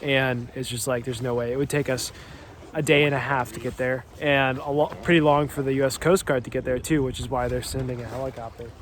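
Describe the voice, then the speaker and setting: A man's voice: medium pitch, fairly even intonation, a little fast. A man narrating casually for a sailing vlog, recorded outdoors on a boat under way. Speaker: sailing vlogger. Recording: loud boat and water noise.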